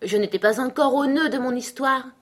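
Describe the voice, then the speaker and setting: A woman's voice: mid-range voice, fairly quick, a bit bright, natural voice. A woman reading the part of a proud, easily offended mouse in a storybook. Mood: indignant. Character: touchy proud mouse telling a tale.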